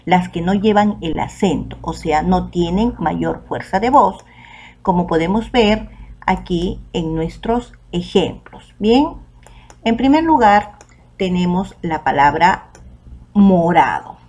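A woman teacher with a Peruvian Spanish accent, giving a recorded online lesson to children and saying the example words out slowly and clearly. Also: lowish voice, expressive, darkish tone. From Peru.

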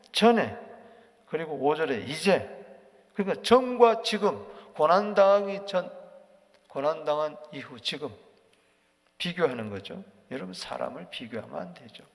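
A male pastor preaching an early-morning sermon, leaping between mocking voices and near whispers. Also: on the high side. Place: church sanctuary. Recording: reverberant church sanctuary.

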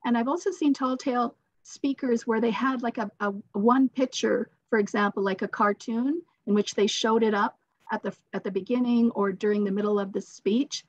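A woman in her forties, with a fairly high voice and fairly even intonation, gives informal advice at a moderate pace as a participant in an online workshop. She's indoors in a plain room, and the video-call mic yields dull, dry audio with no room sound.

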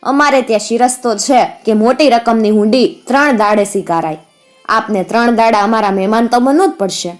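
Woman voicing calm wise old merchant. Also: high voice, soft background music, voice pushed up. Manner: cool, measured speech.

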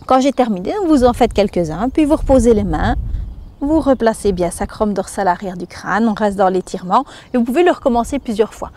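A brisk, expressive, mellow voice, a little high, belongs to a fitness instructor in her thirties with a Belgian French accent. She demonstrates exercises, counting and breathing through each move while explaining.

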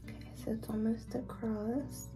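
A woman filming a casual vlog, talking excitedly to her viewers and often saying "you guys.". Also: a little high, unhurried, roomy sound, over music. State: out of breath. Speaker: vlogger. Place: home bathroom.

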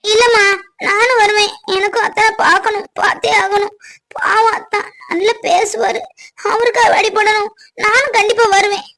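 A woman's voice: very high voice, level tone, normal speed, fairly bright tone. A woman voicing a tearful, pleading young village woman in a dubbed cartoon. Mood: insistent. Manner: crying, pleading, insistent.

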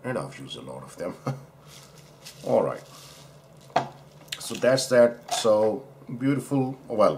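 A man's voice: deep voice, a little hiss or hum. A man from Pakistan, a doctor, chatting casually through a razor unboxing at his desk, rambling and correcting himself as he admires the parts. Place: indoors at a desk, overhead camera.

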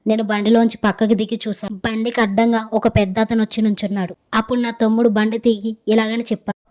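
A woman narrating a village horror story in first person, in a steady storytelling manner. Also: on the high side, fast.

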